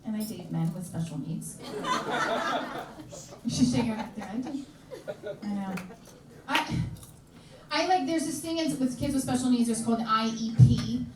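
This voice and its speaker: A woman's voice: fairly high pitch, lively intonation, normal speed, pauses often, background noise. A woman doing stand-up comedy in a live club, brash and chatty, teasing the audience. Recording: echoey club, heard from far off. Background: audience laughter.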